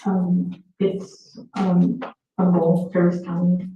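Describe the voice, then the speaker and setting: A woman answering questions as a witness on a courtroom recording, giving short, hesitant replies with frequent pauses. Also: on the low side, monotone, warm tone, faint music behind. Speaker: trial witness. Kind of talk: courtroom testimony under questioning. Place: large courtroom, indoors. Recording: echoey courtroom, far from mic, muffled.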